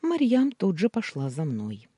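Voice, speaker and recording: A woman reads a first-person audiobook in a measured, expressive way. Her voice is low and husky, with a mellow darkness. The pitch moves in lively swings through the sentences. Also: dry recording, clean studio sound. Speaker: audiobook narrator.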